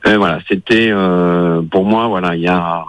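Very deep-voiced man, halting delivery. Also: fairly even intonation, no room sound. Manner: halting, searching for words. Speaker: radio guest. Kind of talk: casual, unscripted talk.

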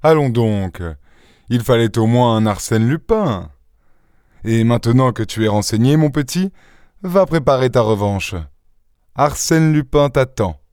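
A man doing a suave, mocking gentleman thief. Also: mid-range voice, expressive, a little slow, clean tone, dry recording, studio quality, natural voice. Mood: teasing, triumphant. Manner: airy, teasing, self-assured. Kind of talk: audiobook character reading.

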